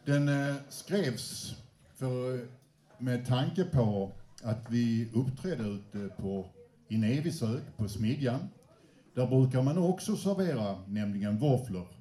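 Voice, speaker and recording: Man, band frontman, live stage announcements, chatty, warm tone, echoey room. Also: medium pitch, expressive. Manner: chatty, anecdotal, slight hesitations. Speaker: band frontman introducing songs. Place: indoor venue with a live audience. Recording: roomy echo.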